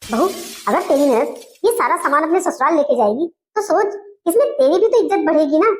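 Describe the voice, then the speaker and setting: A woman's voice: sits high, animated, brisk, a little mellow. A woman doing a bossy scheming mother-in-law. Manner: bossy, scolding, tearful complaining.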